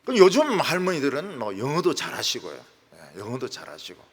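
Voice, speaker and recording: A man's voice: wildly swooping pitch, brisk, husky. A male pastor, preaching a sermon in a folksy storytelling manner. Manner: folksy storytelling with wide swings in pitch and volume. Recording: echoey church hall.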